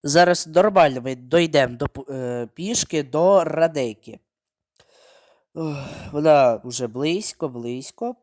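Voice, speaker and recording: A man giving running gameplay commentary, narrating his own moves, repeating words and breaking into sudden excited outbursts. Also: a little high, unhurried. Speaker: mobile game streamer.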